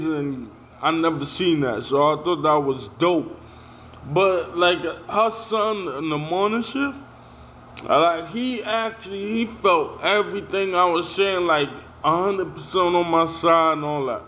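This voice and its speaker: Young new guy venting about work drama, kinda high voice, slow drawn-out delivery, faint hum behind. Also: fairly bright tone. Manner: heated, repetitive, street slang, says "yo" a lot. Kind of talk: casual storytelling rant.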